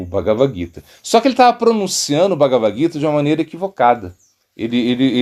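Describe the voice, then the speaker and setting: Brazilian monk, middle-aged man, informal teaching, animated pitch, halting storyteller. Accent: Brazilian Portuguese. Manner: rambling, with many fillers and restarts, lively storytelling. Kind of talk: informal spiritual talk.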